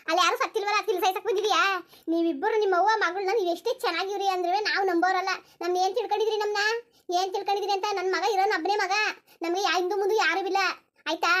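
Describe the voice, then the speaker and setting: A voice actor playing an angry village mother-in-law in a cartoon, scolding with accusing questions. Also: very high-pitched. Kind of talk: cartoon voice acting.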